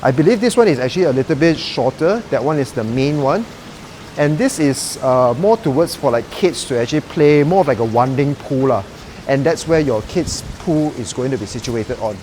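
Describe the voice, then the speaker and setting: With a mid-range, expressive, slightly mellow voice, the young vlogger chats at a moderate pace in Malaysian English while touring a residential complex and its grounds. He keeps it upbeat and casual, using "lah" tags, over slight background noise.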